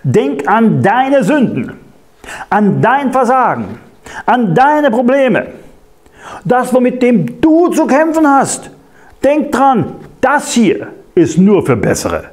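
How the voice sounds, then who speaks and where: A man's voice: extremely high pitch, wildly swooping pitch, slow, pitched above the performer's own voice, heavily acted. A man preacher voicing the enemy as a tempter, taunting and threatening the listener. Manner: taunting, mocking warnings. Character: whispering enemy tempter, male, scornful and threatening.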